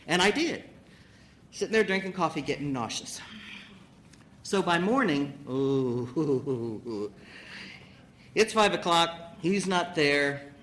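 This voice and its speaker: A woman sharing her personal recovery story at a meeting, an animated storyteller who acts out the people in it. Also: very deep voice, slight background noise.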